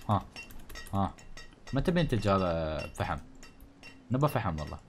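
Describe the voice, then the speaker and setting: A gaming channel host with a Gulf Arabic accent talks through his gameplay casually, thinking aloud and jokingly grumbling at the townsfolk in the game. His voice is fairly low and a little mellow, recorded on a studio condenser mic with a slight hiss or hum.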